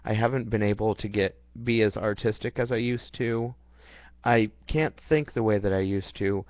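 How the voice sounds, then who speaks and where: A young man reads his personal life story aloud earnestly and plainly, occasionally stumbling and starting over. His fairly low voice moves at normal speed in a dull, dry lo-fi recording with no echo.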